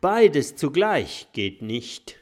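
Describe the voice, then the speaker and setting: A man's voice: a little high, sing-song, drawn-out words, soft background music, voice pushed up, heavily acted. A man voicing a clever dragon teacher in a storybook, firm and explaining. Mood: lecturing.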